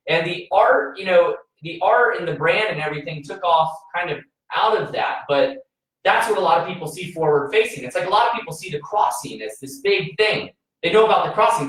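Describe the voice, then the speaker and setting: A man's voice: a little high, a bit bright. A man chatting casually as a podcast co-host, telling a story earnestly and often restarting his sentences. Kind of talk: casual chat. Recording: very echoey room, voice far from mic.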